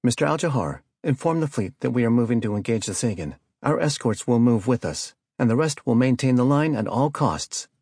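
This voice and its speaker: A man voicing a stern female fleet admiral, giving clipped, crisp orders. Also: medium pitch, very animated, normal speed, no echo, studio quality, voice pushed up. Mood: commanding.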